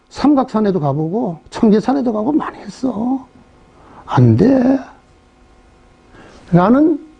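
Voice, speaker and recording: A middle-aged male pastor preaches with a high, lively voice that swoops up and down. His tone is mellow and husky, and he keeps throwing questions at the congregation. The recording is dull and muffled. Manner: animated, acts out voices, asks the congregation rhetorical questions. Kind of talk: sermon.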